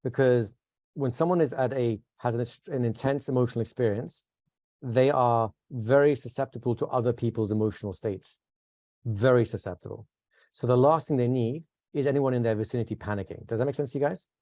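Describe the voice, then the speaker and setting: A man teaching a live workshop, talking conversationally, asking the class questions and shifting into a calm, soothing voice to demonstrate. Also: medium pitch, brisk, dry recording. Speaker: instructor.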